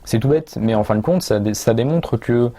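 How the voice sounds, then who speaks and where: A man's voice: medium pitch, moderate pace, warm tone. A man from France reviewing a dog training book in a casual, rambling way, full of fillers and self-corrections.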